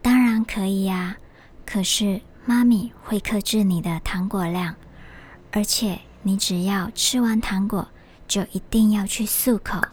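A woman voicing a loving mother in a children's story, gently and patiently explaining in a hushed voice. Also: medium pitch, fairly even intonation, a little slow, husky. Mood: gentle. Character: loving, caring mother of a little girl.

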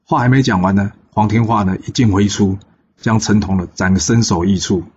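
A man telling a classic tale in a casual, chatty way, with frequent filler pauses, on a dull lo-fi recording. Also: on the low side, steady tone, a little mellow, slight background noise. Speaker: storyteller. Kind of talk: casual oral storytelling.

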